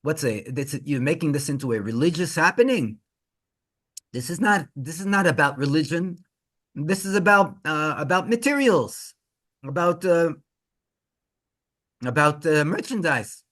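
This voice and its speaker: A man voicing an irate older man who shouts indignantly. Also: expressive. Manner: shouting, higher and faster than the narration.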